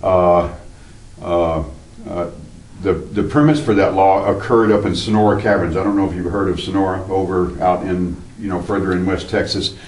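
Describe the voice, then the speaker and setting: A man's voice: low voice, fairly even intonation, normal speed, a little mellow. A man working as a cave tour guide, explaining things informally and conversationally to a small group. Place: inside a cavern. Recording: echoey cave, distant from the mic.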